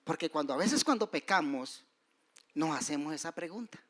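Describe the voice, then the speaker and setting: A man preaching a sermon, moving between loud rises and soft, hushed drops. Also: a little high, lively intonation, moderate pace. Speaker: pastor.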